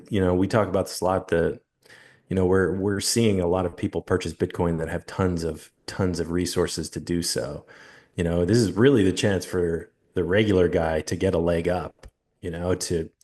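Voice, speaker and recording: Very deep-voiced man in his forties. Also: steady tone, moderate pace, a little mellow. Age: 40s. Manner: easygoing, laughs often, lots of fillers. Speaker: podcast co-host. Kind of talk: casual chat.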